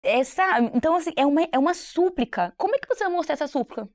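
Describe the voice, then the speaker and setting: High-voiced enthusiastic woman, dry sound. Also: very fast, no echo. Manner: expressive, enthusiastic, acts out examples. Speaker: co-presenter. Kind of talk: casual panel chat.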